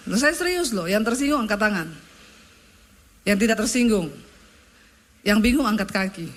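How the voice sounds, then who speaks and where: A woman pastor preaching at a middle pitch. She prays to her congregation and talks with them, and her voice jumps higher and livelier when she tells everyday stories. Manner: lively, rises high when telling stories. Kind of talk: sermon.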